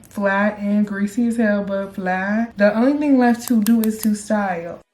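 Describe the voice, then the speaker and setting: Young woman doing a hair tutorial, talks kinda slow, chatty and confident with her viewers. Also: mid-range voice, a little mellow, faint music behind. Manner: chatty, self-assured, talks to viewers as y'all. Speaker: beauty vlogger. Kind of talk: casual hair tutorial talk.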